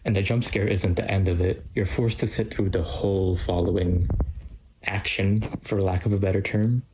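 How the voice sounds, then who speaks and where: A man's voice: low-pitched, fairly even intonation, normal speed, background noise. A young man giving a casual, self-deprecating film review read from a script.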